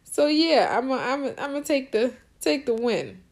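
A woman's voice: sits high, very animated, normal speed. A young adult woman hosting a gaming channel, commentating her play with squeals, gasps and coaxing cheers. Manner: squealing and gasping, coaxing the game aloud. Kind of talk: excited game commentary.

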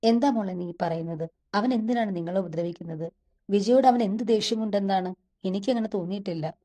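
Woman narrator doing a protective brotherly young man, anxious yet reassuring, in a mellow storybook read. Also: medium pitch, a little fast, natural voice. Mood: worried, reassuring.

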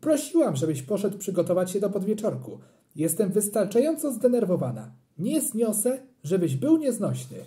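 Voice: very animated, a little slow, mellow. A harried, scolding mother, as a reader puts her on. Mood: exasperated. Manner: exasperated, shrill outbursts. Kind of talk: audiobook character reading.

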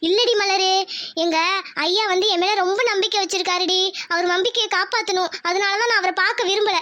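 A woman's voice: very high voice, fairly even intonation, brisk. A fretful, shy village girl in love. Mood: anxious, hushed. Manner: hushed, worried, fretful. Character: shy young village woman in love, anxious.

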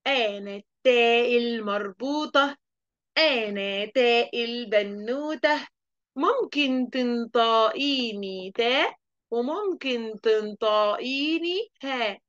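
A woman voicing a playful, teasing female letter of the alphabet in a slow, sing-song chant for a children's lesson. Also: a little high, a bit bright, muffled recording.

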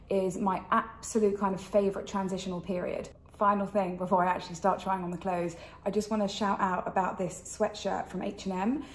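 A British woman in her thirties hosting a chatty fashion vlog, speaking with a slight impediment from the dental retainers she is wearing. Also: mid-range voice. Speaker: fashion channel host. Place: indoors in a kitchen. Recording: roomy kitchen echo.

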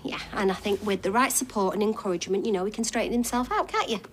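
A woman's voice: medium pitch, fast, a little hiss or hum, natural voice. An actress playing a stubborn, protective working-class woman in a British soap, chatty and persuasive. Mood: persuading. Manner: persuasive, chatty, full of tag questions. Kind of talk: naturalistic British TV soap acting.

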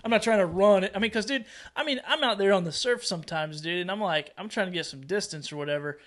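Excitable young man, higher voice. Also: fast. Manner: excitable, jokey, says "dude". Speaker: co-host. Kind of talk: casual video-call interview.

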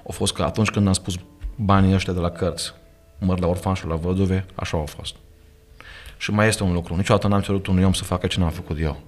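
Soft background music plays as a Romanian-accented pastor talks on a studio podcast as a guest. His deep voice holds a steady tone while he preaches earnestly and emphatically, weaving in scripture quotes.

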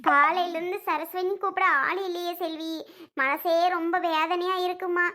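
High-voiced performer doing mournful middle-aged mother. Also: steady tone, moderate pace, sharp tone. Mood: grieving. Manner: mournful, lamenting. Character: grieving middle-aged mother whose husband vanished. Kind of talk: family skit acting.

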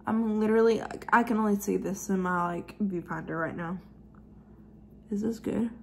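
A woman in her twenties chatting through a casual makeup tutorial, giggly and drunk, with an animated, sassy, slangy way of rambling. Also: medium pitch, normal speed, vocal fry, slight background noise. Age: 20s. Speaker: makeup vlogger. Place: living room at home, high ceiling.

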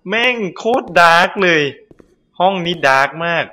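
A male gameplay host playing a horror game, loud and jokey, swearing and shouting at the characters on screen. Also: high-pitched, expressive, moderate pace.

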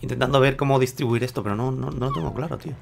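A man talks casually to his viewers while he plays, unsure and thinking aloud. His voice is gravelly at a middle pitch. Faint keyboard typing sits behind his desk mic. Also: rapid-fire, noisy background. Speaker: gameplay video host. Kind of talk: casual gameplay commentary.

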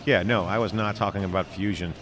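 A middle-aged man with a deep voice hosts live commentary at a crowded conference. He talks in a casual, blunt, joking way, and a crowd's chatter carries behind him. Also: steady tone, fast. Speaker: tech show host. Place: conference hall studio booth. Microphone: handheld stand mic. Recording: busy crowd noise behind.

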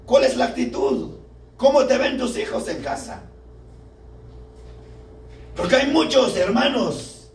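A man's voice: very high-pitched, expressive, slow pace, long pauses. A young man preaching a sermon at a parish group, fervent and full of rhetorical questions to the congregation. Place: church hall. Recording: echoey room, mic far off, faint background noise.

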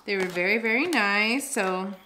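A young woman chatting casually to her viewers in a home vlog, expressive and talkative. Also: mid-range voice, moderate pace, noisy background. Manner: chatty and expressive, talks straight to viewers as "y'all". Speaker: vlogger. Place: at home, indoors.

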